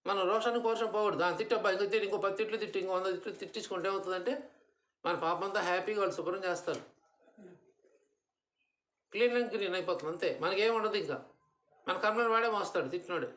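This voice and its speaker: A man's voice: high voice, racing, long pauses, fairly bright tone. A man giving a devotional discourse at a home gathering, answering his own rhetorical questions and slipping English words into his talk. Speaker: satsang speaker.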